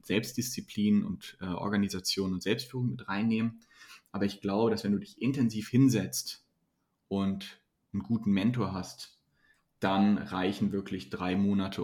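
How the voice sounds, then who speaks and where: A man's voice: sits low, a little mellow. A man, a mentoring coach, giving earnest, motivational answers in a podcast interview, often restarting his sentences.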